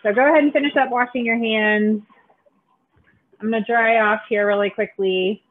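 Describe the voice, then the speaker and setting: A woman's voice: on the high side, steady tone, moderate pace. A woman in her thirties, a sports dietitian, leading a live online cooking demo for kids from a home kitchen, friendly and instructive with frequent "um" fillers. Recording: tinny video-call audio.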